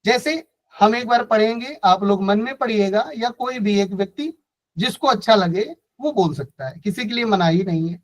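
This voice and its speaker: A man's voice: high-pitched, normal speed, poor audio. Patient male Sanskrit teacher. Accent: Hindi-speaking North Indian, from Kanpur area. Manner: patient, explains step by step with questions to the class. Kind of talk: online class lecture.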